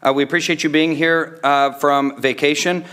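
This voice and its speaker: A man's voice: a little high, fairly even intonation, moderate pace, bright, forceful tone, smooth. A man informally chairing a public meeting in a conversational, accommodating way. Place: indoor council chamber, dais microphone.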